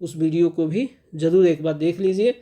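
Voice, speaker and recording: A male teacher with a fairly high-pitched voice explains a pronunciation lesson step by step. He stretches out the example sounds slowly and keeps checking that his students are following. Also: mellow. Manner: repeats "clear ho gaya" and "theek hai" as check-ins; slow, drawn-out enunciation of example sounds. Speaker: English teacher. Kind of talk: classroom-style explanation.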